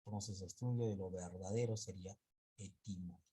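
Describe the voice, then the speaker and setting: A man teaching an online class, lecturing slowly and haltingly, often stopping to correct himself. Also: sits low, steady tone, dark tone, breathy edge.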